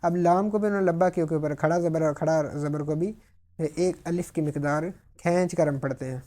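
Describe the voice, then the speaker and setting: Mellow-voiced man teaching Tajweed rules. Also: a little high, steady tone. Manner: patient step-by-step explanation, slowly modelling words. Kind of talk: explaining recitation rules.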